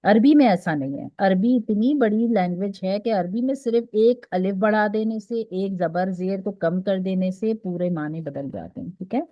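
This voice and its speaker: At a moderate pace with few pauses, a woman speaks in a mid-range voice over a dry, muffled recording. She teaches Quran recitation online in a Pakistani Urdu accent, patiently walking through each step and often asking "theek hai?"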